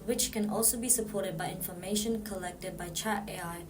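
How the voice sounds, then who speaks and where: A woman from Nepal reads her prepared answers for a student podcast. She sounds earnest and keeps close to her notes, at a middle pitch. A clear noise bed runs under the recording. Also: fairly even intonation, moderate pace.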